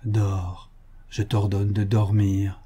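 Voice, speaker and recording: A man's voice: mellow, breathy edge. A man voicing a sinister commanding hypnotist. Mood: imperious. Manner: low imperious commands, slow and deliberate.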